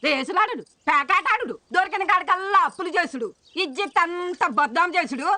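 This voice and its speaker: An actress playing an older grandmother who scolds her good-for-nothing son-in-law in a sharp tirade. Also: very high-pitched, lively intonation, fairly quick, full character voice. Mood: scolding. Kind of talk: film dialogue.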